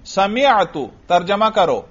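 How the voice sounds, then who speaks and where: A man's voice: sits high, expressive. A man teaching Arabic grammar, patiently quizzing a student and repeating each answer back. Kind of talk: patient classroom drilling. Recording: lo-fi recording.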